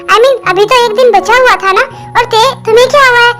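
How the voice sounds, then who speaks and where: A woman's voice: very high voice, fairly quick, voice pushed up. A woman voicing a caring, protective sister-in-law in a fan dub, fussing and questioning, with faint music behind. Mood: concerned.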